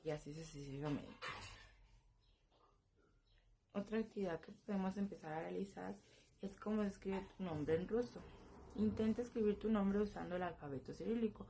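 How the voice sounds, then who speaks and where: A woman teaching a beginner language lesson. She explains slowly and repeats each word several times. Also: lowish voice, creaky, dark tone. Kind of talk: practice lesson presentation. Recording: noisy home recording.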